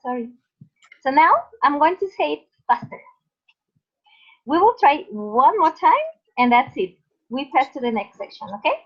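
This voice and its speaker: Slow, high-voiced woman teaching online. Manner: patient, explains slowly with many fillers. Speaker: English teacher. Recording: dull lo-fi online call audio.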